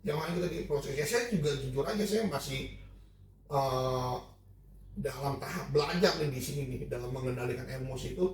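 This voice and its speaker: A man's voice: mid-range voice, fairly quick, far from the mic, crowd noise. A middle-aged man sharing a personal testimony in a casual church group chat. He talks with emotion and often repeats and restarts his phrases. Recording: echoey room, speaker off-mic.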